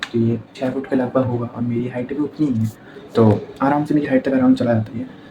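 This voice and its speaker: A man's voice: medium pitch, fairly even intonation, a little fast, dull audio, background noise. A young man chatting casually to his phone camera about his day at home, a rambling daily vlog. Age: young adult. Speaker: vlogger. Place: home and rooftop. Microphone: phone held in hand.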